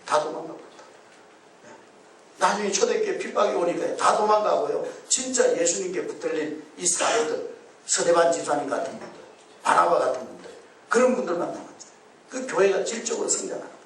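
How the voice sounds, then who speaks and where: A man preaching a sermon as pastor, animated, leading the congregation in call-and-response. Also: sits high, fairly quick, slight background noise. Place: church sanctuary. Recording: echoey church hall, mic at a distance.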